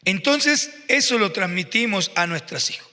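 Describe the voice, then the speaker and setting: A man's voice: high-pitched, expressive, normal speed, pushed and bright, big-room sound. A male pastor preaching a sermon, telling stories with growing emotion and fervor. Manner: emotional, storytelling with rising fervor. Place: church hall.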